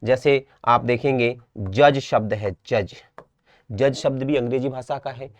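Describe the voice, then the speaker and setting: A man's voice: mid-range voice, unhurried, no room sound. A young man from India with a Rajasthan Hindi accent, teaching an exam-prep class, repeating words and checking understanding. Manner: repetitive, drills each word, checks understanding.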